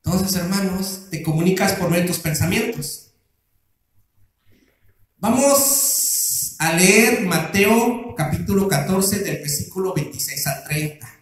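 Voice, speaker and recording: A man's voice: high voice, animated, a little slow. A male pastor preaching a sermon, putting questions to the congregation and answering them himself. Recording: very echoey room.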